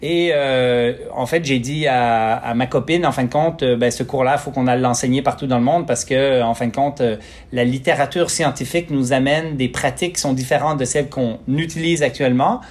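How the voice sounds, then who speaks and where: This is a man in his forties, a physiotherapist appearing as a podcast guest in a casual interview, speaking with a Quebec French accent. His mid-range voice comes out hesitantly, full of pauses, fillers, and restarts.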